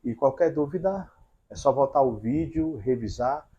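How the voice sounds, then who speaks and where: A man's voice: medium pitch, lively intonation, normal speed, slightly rough, lo-fi sound. A man teaching a grammar lesson at a whiteboard, explaining step by step and checking in with the viewers.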